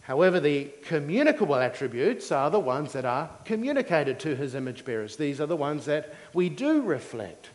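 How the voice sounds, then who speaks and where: Long hall reverb, man, preacher, teaching sermon, fairly high voice, measured, simple didactic phrasing. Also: big pitch swings.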